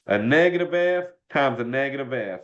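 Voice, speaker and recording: A man's voice: medium pitch, expressive, normal speed, fairly bright tone. A man with a Southern US accent teaching algebra informally in a folksy way, working through problems step by step. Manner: folksy, says y'all often. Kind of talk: informal worked-example math lesson. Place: indoors, online video class. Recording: dull lo-fi online class audio.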